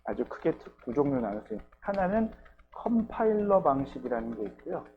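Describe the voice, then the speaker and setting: A man with a slightly raised pitch teaches a programming class at an easy, patient pace. He walks through each step and keeps checking in with his listeners. Faint keyboard typing can be heard behind him. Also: sing-song, fairly quick, highs cut off, faint music behind. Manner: patient, explains step by step with frequent "ye" and "geujyo" check-ins. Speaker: university lecturer. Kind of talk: recorded programming lecture.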